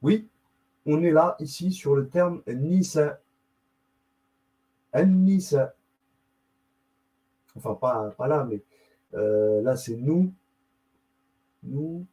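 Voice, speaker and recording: A man's voice: on the high side, takes it slowly, pauses often, mellow, rough recording. A man hosting his own video channel, rambling and interrupting himself as he muses aloud and mutters while he looks things up on screen. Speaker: YouTube host. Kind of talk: casual screen-share commentary.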